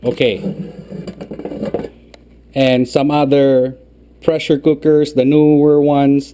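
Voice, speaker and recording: A man's voice: medium pitch, warm tone. A man explaining a cooking recipe step by step in a patient way, often checking in with "okay". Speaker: home cooking instructor. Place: home kitchen.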